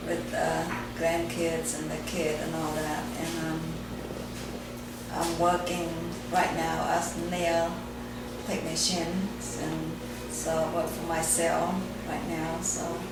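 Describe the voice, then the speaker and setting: A woman in her sixties with a Cambodian accent, telling her life story in an interview in halting, plain speech with many pauses. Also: sits low, monotone, heavy background noise. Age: 60s. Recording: echoey room, from far off, music behind.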